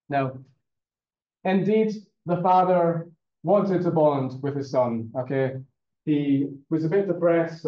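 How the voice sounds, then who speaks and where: A male university lecturer giving a classroom lecture in a conversational way, often checking in with "okay?" and fillers. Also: a little high. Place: lecture room. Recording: roomy, dull lecture-room recording.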